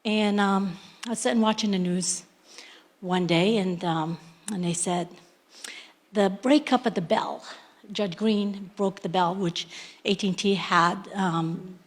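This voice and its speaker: A middle-aged woman from Iraq, an entrepreneur, telling her life story in a plain, unhurried way, with many ums and restarts. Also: lowish voice. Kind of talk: personal success story, unscripted.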